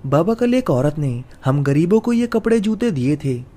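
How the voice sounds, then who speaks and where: A man voicing a poor young mother who is frightened and accusing, with a shrill manner. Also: sing-song, moderate pace, dark tone.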